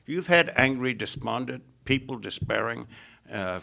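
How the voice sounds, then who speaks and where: A man's voice: lively intonation, unhurried, gravelly, sharp tone. An American man giving a public lecture on foreign policy, speaking emphatically and stacking up lists, with frequent "uh" fillers. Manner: emphatic, builds lists with rising pitch.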